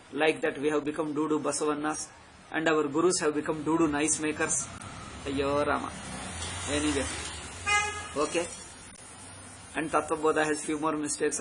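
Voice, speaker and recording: A man's voice: a little high, fairly bright tone, rough recording. A man with a South Indian accent giving an extempore spiritual discourse, exhorting emphatically and repeating his points with short tag questions. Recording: background noise.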